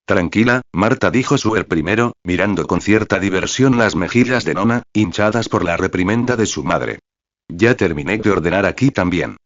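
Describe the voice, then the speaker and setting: A man reading the lines of a calm, kind young expedition leader in a gentle tone. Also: deep voice, moderate pace, no room sound, lo-fi sound.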